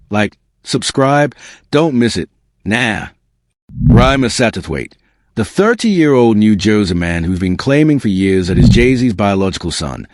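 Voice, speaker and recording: Male gossip exposé host, smug and sarcastic, deep-leaning voice with lively swings, dry close sound. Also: no echo. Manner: slangy, punchy, dramatic delivery. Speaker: host of a celebrity scandal commentary show. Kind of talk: scripted exposé commentary.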